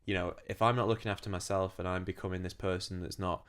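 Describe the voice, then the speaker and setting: A young man reflects earnestly in casual podcast talk, circling back and repeating himself as he works out his thoughts. His voice sits very low. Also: fairly even intonation, quick pace, fairly bright tone, clean tone. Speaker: podcast co-host. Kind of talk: casual chat.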